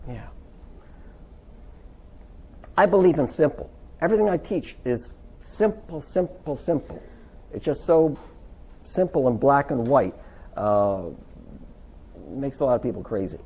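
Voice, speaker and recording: A man with a warm, slightly rough, medium-pitched voice teaches a stress workshop to a live audience in a seminar room, speaking expressively, a little slowly, and pausing often. He's chatty and tells stories in this casual seminar talk, asking the audience for agreement to check they're following.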